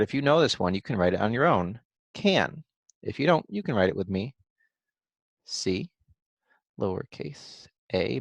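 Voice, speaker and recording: A man teaching kindergartners to write, thinking aloud slowly and sounding out letters and syllables one at a time. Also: on the low side, creaky, no echo. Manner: thinks aloud in a gentle encouraging way. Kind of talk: modeling writing for young children.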